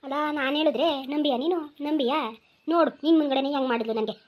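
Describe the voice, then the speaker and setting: A scheming cartoon village mother-in-law, as a woman voices her, nagging and repeating herself in a rural Mysore-region accent. She speaks high and rapid-fire. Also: a little mellow, natural voice. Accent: rural Mysore-region Kannada. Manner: nagging, insistent, repetitive.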